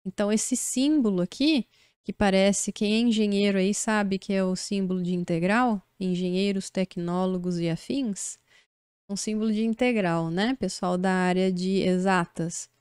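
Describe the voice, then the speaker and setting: A Brazilian woman English teacher giving an online lesson, explaining slowly and patiently and checking in with her students often. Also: medium pitch, a little mellow, clear, resonant tone, dry recording, clean studio sound. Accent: Brazilian Portuguese.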